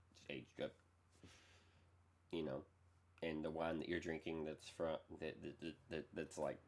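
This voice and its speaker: Male streamer, very deep voice, casual reaction commentary, rambling, halting, off-the-cuff. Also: gravelly.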